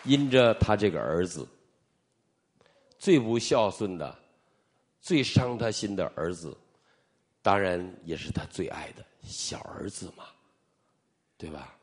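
A middle-aged preacher from Northeast China tells his testimony in a sermon, animatedly acting out the dialogue as he goes. His voice is low-pitched, and he speaks slowly with long pauses.

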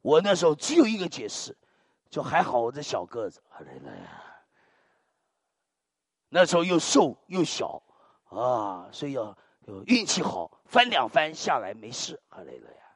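Animated, husky older male preacher. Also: fairly high pitch, moderate pace, no room sound, clean studio sound. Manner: animated, dramatic storytelling peppered with muttered hallelujahs. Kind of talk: sermon.

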